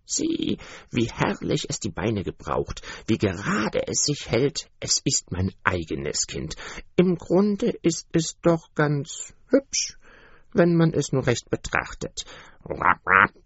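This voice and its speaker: A man's voice: medium pitch, huge pitch swings, slow pace, fairly bright tone, breathy edge, no echo, pitched above the performer's own voice, full character voice. A man voicing a proud, protective mother duck in a fairy-tale reading, earnest and coaxing, on a dull, dry recording.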